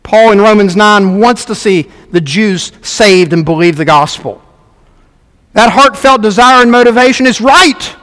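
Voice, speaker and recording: A man's voice: sits high, animated, a little slow, a bit bright. Earnest preaching man in a reverberant hall. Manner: earnest, emphatic preaching with repetitions. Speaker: pastor. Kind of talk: sermon.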